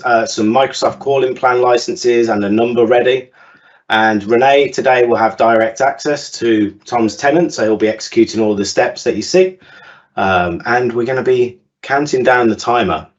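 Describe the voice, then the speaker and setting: A man hosting a webinar, upbeat and presenting with frequent fillers. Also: fairly low pitch. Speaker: webinar host. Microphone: video call. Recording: lo-fi webinar call audio.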